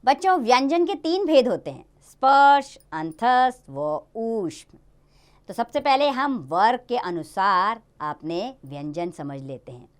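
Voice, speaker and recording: Lively woman teaching young children. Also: on the high side, a little slow. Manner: lively, sing-song teaching voice addressing children. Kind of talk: children's grammar lesson.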